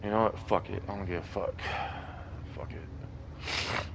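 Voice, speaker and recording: Deep-voiced blunt man over background noise. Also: steady tone, racing, creaky. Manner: blunt, irritated, curses a lot. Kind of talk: casual group chat on a live stream.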